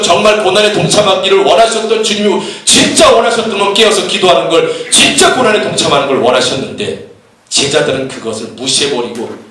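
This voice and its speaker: In a church sanctuary, a male pastor with a high-ish, somewhat bright voice preaches emphatically, peppering the congregation with rhetorical questions. The recording is echoey and distant, as if captured from across the hall.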